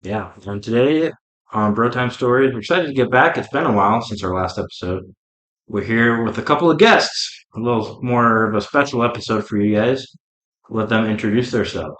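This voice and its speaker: A young man co-hosting a casual podcast chat, talking in a relaxed, laid-back way. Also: mid-range voice, moderate pace. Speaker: podcast co-host. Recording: echoey room.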